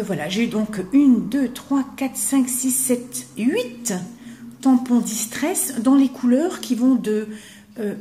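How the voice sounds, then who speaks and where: An older woman rambles happily through her craft gifts, her voice a little high and soft-edged. She often sinks into a hushed whisper as she admires something. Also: a little hiss or hum. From eastern France. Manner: chatty, warm, drops to a whisper when admiring things. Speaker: craft vlogger. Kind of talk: casual chat showing gifts to camera.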